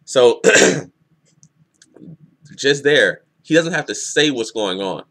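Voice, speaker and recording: A man giving a casual spoken review of a comic chapter, excitable and rambling, often restarting his sentences. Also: mid-range voice, slow pace. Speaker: manga reviewer.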